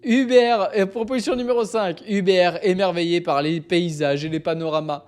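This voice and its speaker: A man's voice: sits high, fairly even intonation, normal speed. Playful chatty man hosting a live stream. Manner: playful, chatty, often laughing at his own reading. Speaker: livestream host. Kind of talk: casual live-stream chat and reading.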